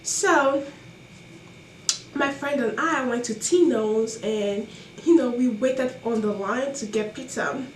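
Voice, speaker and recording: A woman's voice: a little high, slow pace, slight background noise. A young adult woman telling college stories in a casual vlog, emphatic and exasperated, with lots of rhetorical questions. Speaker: college student vlogger. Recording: echoey room, mic at a distance.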